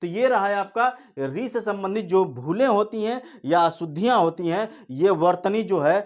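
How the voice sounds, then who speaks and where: A man's voice: high voice, lively intonation, normal speed. Male teacher for exam-prep spelling class; patient, repeats each word, explains it step by step.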